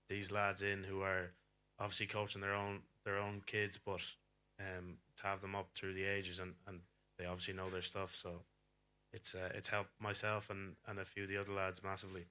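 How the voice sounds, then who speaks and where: A young man with a Galway Irish accent gives a casual interview as a rugby player. His voice is deep and even in pitch. He chats plainly about his sport. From Galway, Ireland. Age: young adult.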